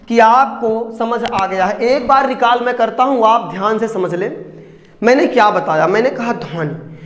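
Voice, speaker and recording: Guy with a really high voice giving a grammar lecture, keeps asking questions and answering them, big echoey room. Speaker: Hindi teacher. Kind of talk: classroom lecture. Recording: echoey room with long reverb.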